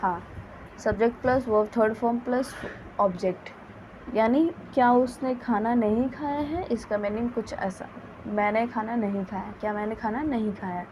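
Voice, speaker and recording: A woman teaching a grammar lesson, dictating example sentences slowly and carefully. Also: on the high side, darkish tone, a little hiss or hum, poor audio. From India. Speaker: English teacher.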